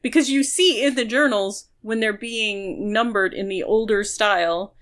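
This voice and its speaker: A podcast co-host talks casually about a book, explaining her reading at length and analytically. Her voice sits at medium pitch, a bit bright, and she never hurries.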